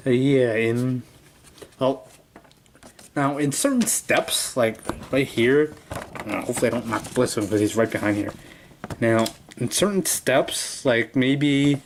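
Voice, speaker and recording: A man at a table at home walks through a toy review in an easy, unscripted way. His voice sits at a middle pitch. He rambles and often stops to correct himself mid-sentence. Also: a little slow, slight background noise. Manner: rambling, self-correcting, loose and chatty.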